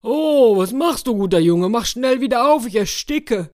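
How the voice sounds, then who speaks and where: Woman narrator doing a blustering male wolf, loud and indignant. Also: lowish voice, expressive, moderate pace, gravelly. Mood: panicked.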